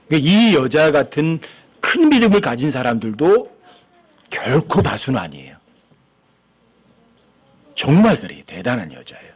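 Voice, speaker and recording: A man's voice: a little high, breathy edge. A man preaching a sermon as pastor, asking the congregation questions and acting out the lines he quotes.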